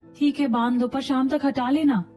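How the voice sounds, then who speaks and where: Polite young cartoon wife, placating, voiced by a woman, high voice, a bit distant. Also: steady tone, normal speed, dark tone, lightly acted.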